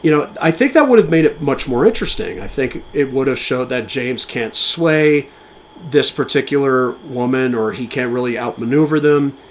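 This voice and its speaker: Man, podcast co-host, casual and eager film talk, mid pitch, faint noise floor. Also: animated. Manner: enthusiastic, talks in quick bursts with fillers and restarts.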